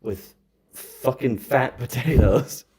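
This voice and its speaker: A man's voice: medium pitch, slow pace, dark tone, slightly rough. A young man co-hosting a casual chat, teasing his friend and laughing often. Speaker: podcast co-host. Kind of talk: casual banter.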